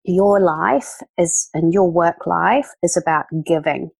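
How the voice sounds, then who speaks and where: A woman's voice: lowish voice, takes it slowly, creaky, dry recording. A woman, an event organizer chatting enthusiastically as a podcast guest, with many fillers. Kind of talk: casual interview talk.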